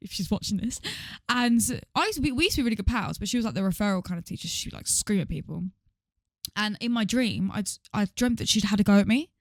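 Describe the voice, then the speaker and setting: A woman's voice: medium pitch, expressive, fast, no room sound, clean studio sound. A young woman, co-hosting a podcast. She is chatty and teasing and laughs often. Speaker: podcast co-host. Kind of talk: casual chat.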